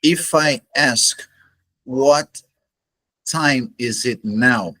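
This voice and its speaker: A man with a husky voice and a bright, forceful tone gives a slow, solo explanatory lecture on astrology, which he teaches. A native Portuguese speaker, he talks in a measured, deliberate way with pauses between phrases. The audio is a low-quality home recording.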